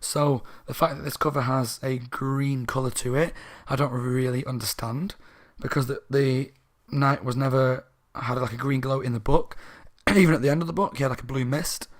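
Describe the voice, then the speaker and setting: A man's voice: medium pitch, steady tone, normal speed. A man giving a casual, slightly drunk book review, rambling and correcting himself. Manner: rambling, tipsy, self-correcting.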